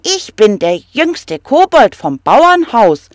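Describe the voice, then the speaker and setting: A storyteller voicing a tiny, cheeky young male goblin who talks in a bright, chirpy way. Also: mid-range voice, big pitch swings, slow pace, dry recording, studio quality, voice pushed up.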